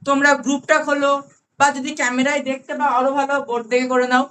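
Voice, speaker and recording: High-voiced Bengali woman teaching grammar. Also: flat delivery, fairly bright tone. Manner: explains patiently, repeating key words slowly and checking understanding. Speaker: English grammar tutor. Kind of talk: online class lesson.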